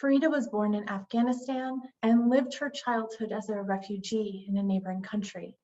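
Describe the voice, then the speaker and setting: A woman's voice: mid-range voice, steady tone, moderate pace, mellow, muffled recording, a little hiss or hum. A woman moderating a webinar, politely introducing the next panelist. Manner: polite, slightly flustered with screen sharing.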